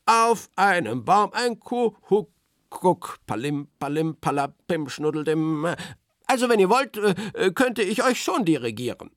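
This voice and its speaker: A man's voice: high-pitched, very animated, moderate pace, few pauses, no echo, clean studio sound, voice pushed up. A man voicing a friendly, clueless grown-up mail carrier who is eager and a little self-important in a children's bedtime story.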